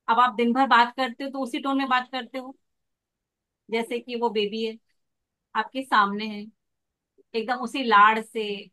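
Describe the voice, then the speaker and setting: Bright high-voiced woman coaching a class. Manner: lively, demonstrates with acted examples. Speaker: pregnancy coach. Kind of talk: online class teaching. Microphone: video call.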